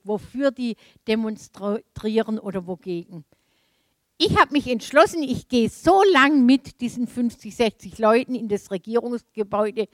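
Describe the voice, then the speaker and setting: A middle-aged woman from Germany delivers a sermon woven around a personal anecdote. She tells it with lively, laughing asides in a voice pitched a little high. The sound is dry, with no room echo. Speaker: preacher.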